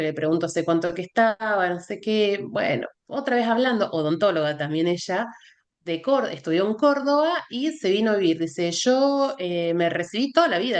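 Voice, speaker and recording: A middle-aged woman with an Argentine accent, a guest in a casual conversation, telling an anecdote and acting out the dialogue in it. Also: medium pitch. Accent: Argentine Spanish. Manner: animated anecdote-telling, acts out quoted dialogue. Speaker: guest, functional biochemist.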